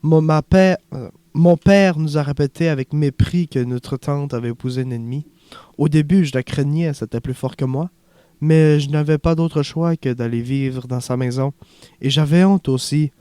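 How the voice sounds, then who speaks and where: A man reads a young refugee man in an audiobook who is haunted and earnest, confiding his story softly. The tone is dark and mellow, the voice smooth and resonant. The recording is close and dry. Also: fairly high pitch, normal speed, dry recording, natural voice.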